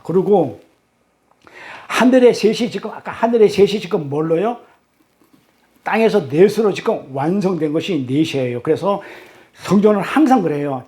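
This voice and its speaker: A man's voice: a little high, a little mellow. A man leading a Bible study class, quizzing his listeners with rhetorical questions in an emphatic, repetitive teaching cadence.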